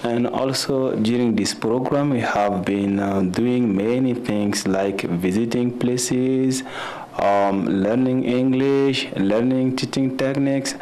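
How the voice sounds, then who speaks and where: A man giving a halting self-introduction in non-native English as a visiting teacher. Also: medium pitch, a little mellow, a little hiss or hum, poor audio.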